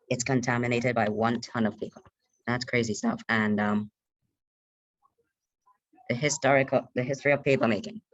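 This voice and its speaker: Man leading a video-call lesson: halting, even-toned, dull dry call sound. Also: mid-range voice, no echo. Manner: halting, hesitant, many restarts. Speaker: online lesson leader. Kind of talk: leading an online group lesson. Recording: muffled video call audio.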